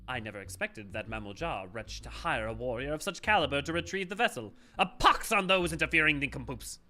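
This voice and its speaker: Pompous, twee theatrical villain, lively and menacing. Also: male voice, mid-range voice, a little fast, soft background music. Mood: haughty. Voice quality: twee, affected.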